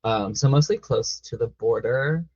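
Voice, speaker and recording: A man's voice: mid-range voice, normal speed, husky, dry recording. Laid-back man streamer, muffled mic. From United States, Arizona border. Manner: laid-back, excitable bursts. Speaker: streamer, panelist. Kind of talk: casual online panel chat.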